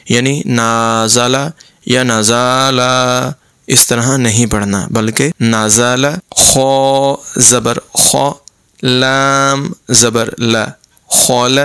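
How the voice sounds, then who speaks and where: A man teaching Quran reading, spelling out letters and vowel marks slowly and explaining how to pronounce them. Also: medium pitch, a bit bright, clean tone, no echo. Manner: slow, deliberate drilling of letter sounds with explanations. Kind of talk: recitation lesson, spelling letters aloud.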